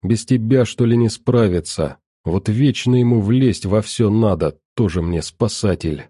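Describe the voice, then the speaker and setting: A man voicing a young mother who speaks softly and gently to her daughter. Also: lowish voice, a little slow, slightly rough, no echo, studio quality. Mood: anxious.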